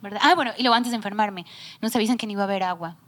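A woman's voice: mid-range voice, racing, a bit bright. A woman, a church worship singer, tells a heartfelt personal testimony in casual talk among church staff, sometimes dropping to a near whisper. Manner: emotional storytelling, drops to near whisper at times.

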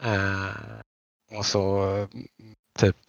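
A Nordic man with a deep, monotone voice and vocal fry hosts a podcast, chatting casually and rambling with many halts and restarts. The recording is dull, lo-fi, and dry, with no room sound.

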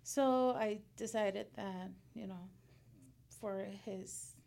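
A woman in her thirties from Puerto Rico, a guest in a casual interview, talking in halting bursts and laughing often. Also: medium pitch, creaky, a little mellow, slight background noise. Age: 30s.

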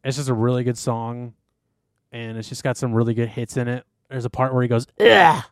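A young man co-hosting a podcast speaks briskly at medium pitch, rambling through casual chat with lots of fillers and swearing. The audio is clean studio sound with no room sound. His style is animated and rambling, thick with fillers and curses.

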